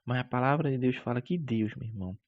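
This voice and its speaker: A man's voice: mid-range voice, quick pace, narrow, tinny audio. A man teaching a Bible lesson as a Sunday school teacher, preachy and emphatic, stretching out key words and calling his listeners brother.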